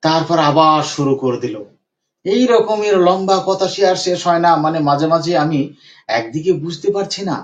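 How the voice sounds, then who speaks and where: A man's voice: a little high, lively intonation, moderate pace. Emphatic man retelling a case. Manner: emphatic, repeats phrases for stress. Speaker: homeopathic doctor. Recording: dull lo-fi recording.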